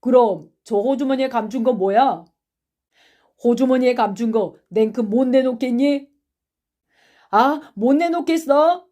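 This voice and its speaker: A woman voicing a brash schoolboy ringleader who hurls loud, taunting accusations in an audiobook reading. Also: mid-range voice, measured pace, few pauses, close to an everyday voice. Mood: accusing.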